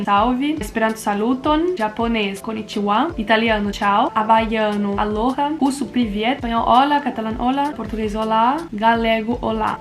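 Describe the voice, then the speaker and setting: A young woman from Spain with a Spanish accent, chatting casually in a vlog, thinking aloud with lots of fillers. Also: on the high side. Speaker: language vlogger.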